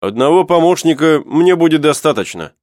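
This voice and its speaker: A man's voice: fairly high pitch, lively intonation, fairly quick, a little mellow, no room sound, studio quality, pitched above the performer's own voice, natural voice. A man reading the part of a stubborn sailor who insists on his plan, in a storybook reading. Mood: insistent.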